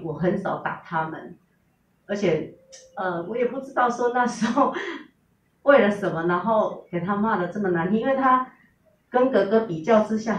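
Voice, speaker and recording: A woman's voice: mid-range voice, a little hiss or hum. Earnest woman, distant and roomy. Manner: earnest, recounting with quoted dialogue. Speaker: testimonial speaker. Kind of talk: personal testimony, storytelling. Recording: roomy, distant, dull recording.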